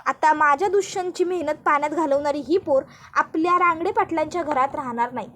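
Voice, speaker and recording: A woman's voice: sits high, fairly quick, a bit bright, slight background noise. Woman playing a sly, domineering matriarch. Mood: commanding. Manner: commanding, sly.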